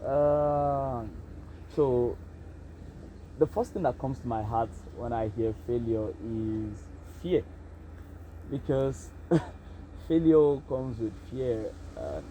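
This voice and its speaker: In poor audio with a little hiss or hum, a young Nigerian man speaks slowly and pauses often in a warm, mid-range voice. With a Nigerian accent, he vlogs a casual self-interview monologue, hesitant and reflective, full of fillers.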